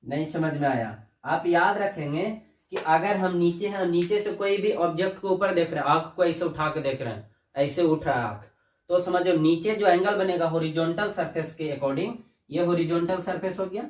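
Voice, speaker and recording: Male teacher, higher voice, talks to students as kids, recorded off-mic in an echoey room. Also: normal speed, far from the mic. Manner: addresses students as "बच्चा", asks and answers own questions. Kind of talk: classroom lesson.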